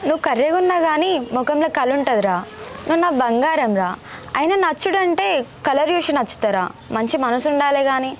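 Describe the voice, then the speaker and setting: A woman's voice: high voice, expressive, fairly quick, a little hiss or hum. A young woman playing a fond village bride. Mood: affectionate. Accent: Telangana Telugu. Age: young adult. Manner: affectionate, fond. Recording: background music.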